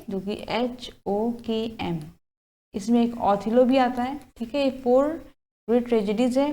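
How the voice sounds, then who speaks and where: Indian woman, exam tutor. Unhurried, fairly high voice, keeps checking students follow. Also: darkish tone. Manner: explains slowly, keeps checking in with "ठीक है?". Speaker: teacher. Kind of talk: exam-prep lecture mixing Hindi and English. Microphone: lapel mic.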